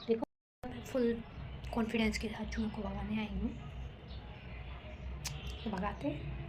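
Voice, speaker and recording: A young Indian woman vlogs straight to camera in a slightly high voice, rambling nervously and poking fun at herself. She moves between a rooftop and a room at home, with faint noise under the recording.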